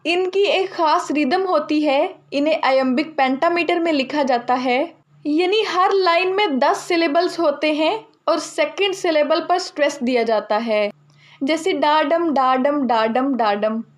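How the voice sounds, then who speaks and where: A young woman teaching literature in a steady lecture, explaining each term twice in simpler words. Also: sits high, unhurried.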